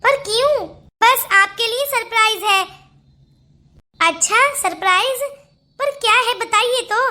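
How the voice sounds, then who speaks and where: A weary young mother from a cartoon, stern and low-spirited. Her voice stays very high and bright. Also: slow pace, heavily acted. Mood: curious. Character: sad young mother with no brother. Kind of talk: cartoon voice acting.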